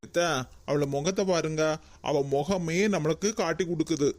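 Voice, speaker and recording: A woman voicing a caring, insistent daughter-in-law with a Kanyakumari Tamil accent, who keeps probing and coaxing in an animated comedy cartoon. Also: sits low, normal speed.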